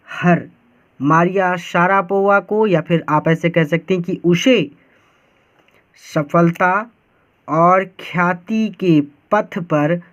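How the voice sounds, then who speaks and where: Slow, high-voiced male teacher explaining. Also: highs cut off. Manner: slow, word-by-word explaining with frequent checks. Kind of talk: line-by-line lesson explanation.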